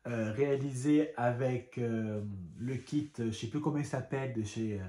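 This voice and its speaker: A man vlogs from home about his craft supplies in a casual, rambling way, full of fillers and little asides. His voice sits at an ordinary middle pitch. The room around him is noticeably echoey. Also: moderate pace, dark tone. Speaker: craft vlogger. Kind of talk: casual show-and-tell vlog.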